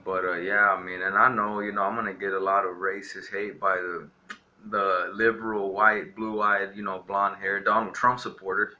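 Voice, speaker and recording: A lowish, sharp male voice with little pitch movement, at normal speed: a young Texas vlogger rambling through a defiant rant to camera, loaded with "you know" fillers.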